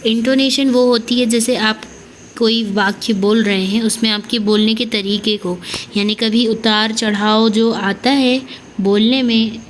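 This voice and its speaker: A woman with an Indian accent, teaching exam preparation and reading questions aloud slowly, word by word. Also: a little high, fairly even intonation, a little hiss or hum, rough recording. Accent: Indian, mixing Hindi and English. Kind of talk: lesson explaining an exam paper.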